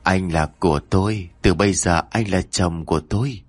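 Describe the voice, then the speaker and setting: A man's voice: low-pitched, normal speed, no room sound. A man voicing a cold, possessive vengeful female ghost in a horror story.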